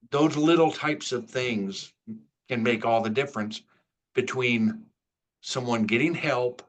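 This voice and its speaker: Earnest man on a video panel, middle pitch, chatty. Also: fairly bright tone. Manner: earnest, conversational, uses "you know" and "right". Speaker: veteran services coordinator. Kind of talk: casual panel talk.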